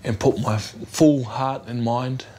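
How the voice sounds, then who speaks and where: With a medium-pitched, darkish voice and fairly even intonation, a young adult man speaks at a measured pace. He's an aspiring rugby player with a New Zealand accent, interviewed in a small bedroom, casual, earnest and a bit hesitant, over faint background noise.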